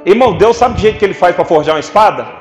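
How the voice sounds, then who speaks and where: A man's voice: sits high, expressive, a little fast, darkish tone, faint music behind. A man preaching a sermon, telling stories with humor and calling on the congregation to respond. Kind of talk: sermon with storytelling. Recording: echoey church hall.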